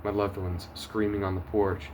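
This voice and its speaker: A low-pitched man tells his personal testimony straight to the camera. He is earnest and emotional, pressing forward urgently in some moments and dropping to a hushed near-whisper in others. A faint hiss sits behind his voice. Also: level tone, normal speed. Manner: earnest and emotional, swinging between urgent loud bursts and hushed quiet. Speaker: testimony vlogger.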